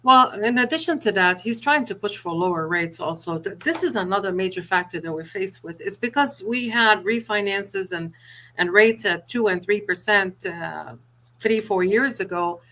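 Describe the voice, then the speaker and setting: A woman's voice: medium pitch, moderate pace, pushed and bright. A middle-aged woman from Sierra Leone, an author and mortgage broker, answering interview questions in a businesslike way with small restarts.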